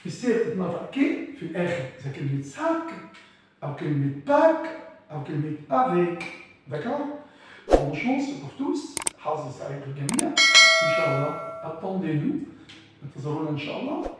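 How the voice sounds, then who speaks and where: Man, Egyptian Arabic accent, high voice, teacher drilling and quizzing a class, heavy room echo, far from the mic. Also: big pitch swings, noisy background. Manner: drills words by repeating them slowly. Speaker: French teacher. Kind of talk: classroom lesson. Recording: echoey room, voice from afar.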